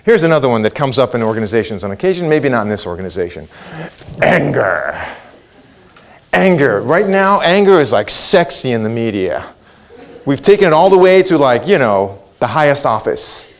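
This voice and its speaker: A man's voice: mid-range voice, big pitch swings, moderate pace. A middle-aged man from Israel whose first language is Hebrew, giving a motivational keynote, asking the audience questions and acting out quotes. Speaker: keynote speaker.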